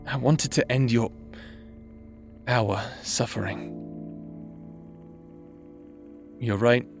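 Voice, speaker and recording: In a roleplay audio drama, a man speaks in a mid-range voice close to his everyday one. He's playing a remorseful necromancer husband who haunts his partner's memory, and he talks softly, tenderly, and with some teasing.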